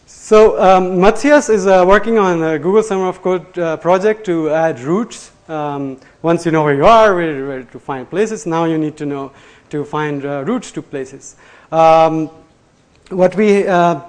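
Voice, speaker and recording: A man's voice: fairly high pitch, unhurried. A man presenting a live technical talk to a room. He talks loosely, with many fillers and restarts, and laughs at himself. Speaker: conference presenter. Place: lecture room before an audience.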